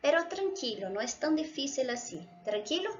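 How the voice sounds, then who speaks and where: A woman's voice: high-pitched, very animated, normal speed, highs cut off, soft background music. A woman from Brazil, a native Portuguese speaker with a Brazilian accent, patiently explaining Spanish grammar and often checking in with her students. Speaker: Spanish teacher.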